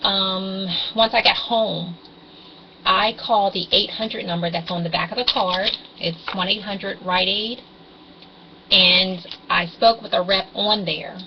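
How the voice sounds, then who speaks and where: A woman's voice: medium pitch, steady tone, a little slow. Woman, 40s, fuzzy webcam distortion, dull lo-fi audio, faint background hiss, hesitant rambling vlog talk. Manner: meandering, hesitant, with frequent ums. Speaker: couponing vlogger. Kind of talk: casual rambling explainer.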